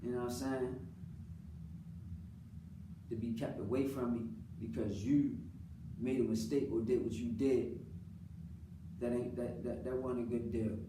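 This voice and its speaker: A man's voice: medium pitch, fairly even intonation, measured pace, pauses often. Earnest American man, roomy distant recording. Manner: earnest, repeats phrases for emphasis, colloquial. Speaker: father speaking about his own life. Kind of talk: unscripted personal monologue, casual talk. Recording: roomy, distant mic, clearly noisy background.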